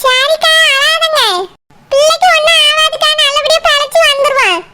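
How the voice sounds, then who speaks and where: A woman's voice: very high-pitched, steady tone, normal speed. A woman voicing a younger village woman who comforts a friend, speaking with a Kanyakumari Tamil accent. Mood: consoling. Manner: comforting, reassuring. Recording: loud background noise.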